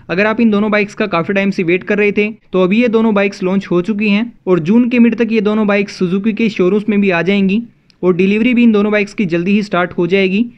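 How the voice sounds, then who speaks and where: In a slightly lo-fi, dull voice-over, an Indian man with a high-sitting voice hosts a scripted motovlog and greets viewers as his friends.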